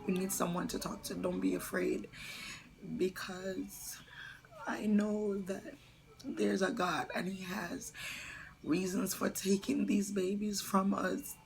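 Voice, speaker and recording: Slow, gravelly-voiced young woman vlogger. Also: mid-range voice, level tone, crowd noise, low-quality recording. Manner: soft, halting, often slipping into a whisper; tearful and earnest. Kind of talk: personal story vlog.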